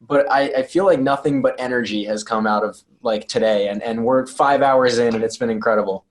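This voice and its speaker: A man's voice: medium pitch, brisk. A man co-hosting an online panel, rambling with lots of fillers. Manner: rambling, many fillers and restarts. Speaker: podcast co-host. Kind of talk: casual video-call chat. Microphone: video call.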